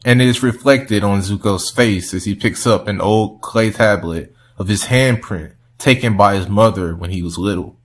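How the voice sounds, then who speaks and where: A man's voice: on the low side, normal speed, few pauses. Young man chuckling through a commentary. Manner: chuckles while talking. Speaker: video host. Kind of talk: casual commentary.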